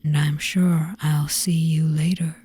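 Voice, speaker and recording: Slow, breathy whispering Cheshire Cat, acted out. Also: medium pitch, flat delivery, warm tone. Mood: softly coaxing. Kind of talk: hypnotic roleplay audio.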